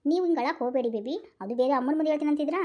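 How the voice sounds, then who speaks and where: A woman's voice: high voice, very fast, darkish tone, close to an everyday voice. A woman voicing a bossy young wife in a Kannada cartoon, with a North Karnataka accent, scolding and coaxing by turns. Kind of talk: cartoon voice acting.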